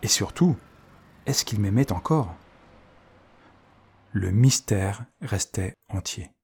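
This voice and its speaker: A man narrating a storybook in first person, reading softly and expressively. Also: fairly low pitch, animated, slow. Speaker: audiobook narrator.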